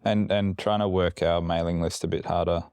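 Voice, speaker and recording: A man's voice: level tone, moderate pace, darkish tone, no room sound. A man co-hosting a casual podcast chat, rambling with fillers and restarts, a bit woozy from medication. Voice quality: very low, gravelly voice. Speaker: podcast co-host.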